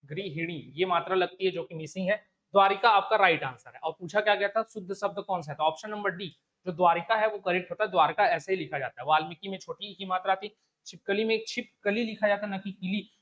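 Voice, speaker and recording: A man with a Chhattisgarhi Hindi accent teaches an online exam-prep lesson in a high voice. He works through each option step by step and repeats the key words. The recording sounds dull and lo-fi. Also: brisk, a bit bright. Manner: explains step by step, repeats the question and the answer over and over.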